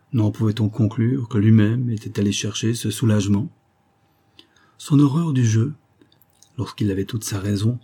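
Mellow husky male audiobook narrator. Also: lowish voice. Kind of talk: literary first-person narration.

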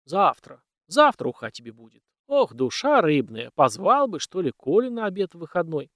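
A fretful old housekeeper woman speaks in a squeaky, higher voice, as a man reading a story plays her. She fusses anxiously over her husband and the house. Her pitch jumps about lively. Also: normal speed, no room sound, studio quality. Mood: homely. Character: old female housekeeper, timid, fussing.

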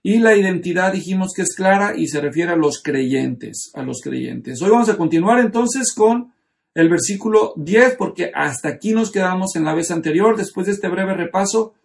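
A man's voice: sits high, expressive, moderate pace, vocal fry. A man teaching a Bible study class, explaining the text step by step and checking in with his students. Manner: explanatory, asks the class questions.

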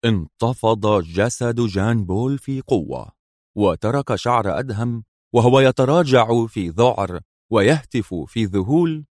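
A man narrating an audiobook thriller in a measured, dramatic storytelling manner. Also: mid-range voice, animated, darkish tone, no room sound, clean studio sound.

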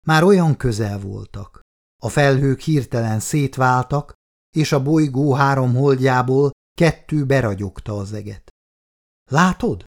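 Measured male audiobook narrator. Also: mid-range voice. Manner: measured, expressive reading with hushed quoted lines.

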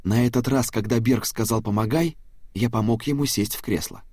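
A man reading an audiobook in a steady storytelling manner. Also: medium pitch, a little fast, husky, dry recording, studio quality. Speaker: audiobook narrator. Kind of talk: scripted narration.

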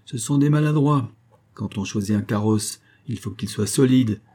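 A man voicing a gruff swaggering musketeer officer. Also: lowish voice, normal speed, dark tone, close to an everyday voice. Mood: curt, commanding. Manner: brusque, commanding, mocking. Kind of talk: audiobook character voice.

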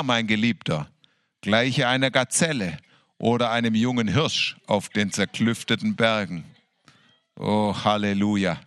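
A man in a worship service reading scripture with fervour, slowly drawing out his words and breaking into hallelujahs and laughter. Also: mid-range voice, pushed and bright, no room sound, studio quality. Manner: fervent, exclaiming hallelujahs, laughing between verses; slow, drawn-out delivery. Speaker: worship leader.

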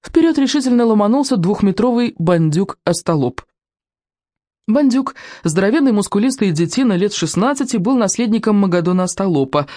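Expressive woman reading a storybook. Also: mid-range voice, brisk, dry recording, clean studio sound. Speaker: audiobook narrator. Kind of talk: audiobook narration.

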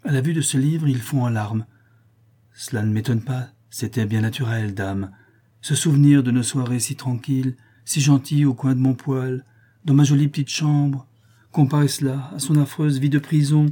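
Male reader doing a plaintive young Parisian working girl, mellow and husky. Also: moderate pace, close to an everyday voice. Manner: tender, plaintive, lifting into a higher voice. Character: young working Parisian woman, sweet and worried. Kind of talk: audiobook character reading.

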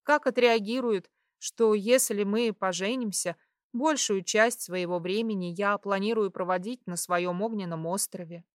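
Expressive woman narrating an audiobook. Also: mid-range voice, dry recording, clean studio sound. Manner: expressive, measured storytelling. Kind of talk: first-person scripted narration.

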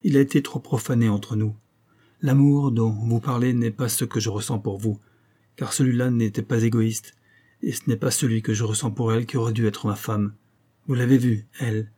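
A man's voice: mid-range voice, normal speed, husky, close to an everyday voice. A man playing a stern, unmoved husband. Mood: severe. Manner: calm, severe and detached.

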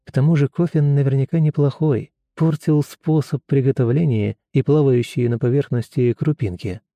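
A man narrating an audiobook in a steady, even storytelling manner. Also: mid-range voice, moderate pace, no echo.

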